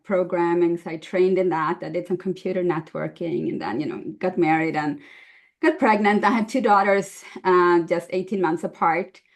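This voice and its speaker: A woman's voice: lowish voice, darkish tone. A woman in her fifties from Sweden, telling her story casually as a podcast guest, with frequent laughs. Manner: chatty, laughs often, many fillers. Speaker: guest nutritionist.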